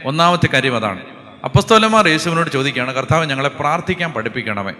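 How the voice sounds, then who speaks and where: Bright-voiced priest preaching. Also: male voice, a little high, animated, fast. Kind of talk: sermon. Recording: long hall reverb with faint music behind.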